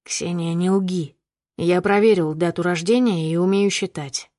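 A woman's voice: on the low side, unhurried, darkish tone, dry recording, clean studio sound, voice pushed down, close to an everyday voice. A woman reading the part of a stern, suspicious man who questions her coldly in clipped lines. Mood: cold accusing. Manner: cold, accusing, clipped questions. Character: stern, suspicious adult man driving a car. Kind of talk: audiobook character reading.

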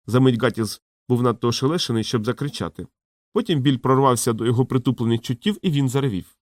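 A man narrating a fantasy audiobook in a steady, measured storytelling voice. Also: mid-range voice, dry recording, clean studio sound. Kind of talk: scripted narration.

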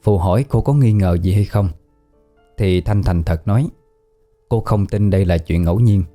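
A man narrating a ghost story in a calm, even audiobook reading. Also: lowish voice, normal speed. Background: faint background music.

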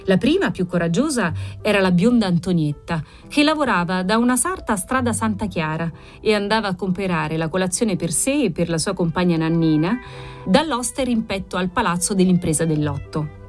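A woman reading a classic novel aloud as an audiobook, measured and expressive. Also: fairly low pitch, soft background music. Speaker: audiobook narrator.

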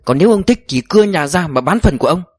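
A man voicing a sharp-tongued, defiant wealthy older woman who argues with scorn. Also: on the high side, lively intonation, quick pace, husky, no room sound, clean studio sound, pitched above the performer's own voice. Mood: scornful. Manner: scornful, cutting, insistent.

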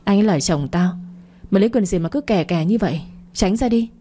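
A woman's voice: mid-range voice, fairly quick, mellow, slightly rough, lightly acted. A woman voicing a scheming young wife who snaps threats and then begs in a storybook reading. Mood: shrill.

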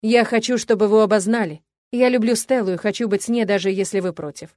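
A woman's voice: mid-range voice, quick pace, darkish tone, no room sound, natural voice. A woman voicing a young man who stands up to his father, speaking firmly and steadily. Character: young man, defiant son, protective and firm.

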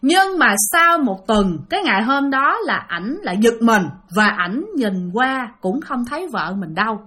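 A woman's voice: a little high, big pitch swings, a little slow, bright, forceful tone. A woman with a Southern Vietnamese accent telling a ghost story chattily, often addressing her listeners.

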